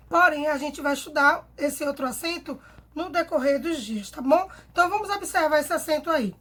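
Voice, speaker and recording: A woman teacher with a Brazilian Portuguese accent, explaining grammar slowly and clearly to children, checking in with them often. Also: high-pitched, fairly bright tone. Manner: patient, slow and clear, ends phrases with "tá?". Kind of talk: recorded grammar lesson for children.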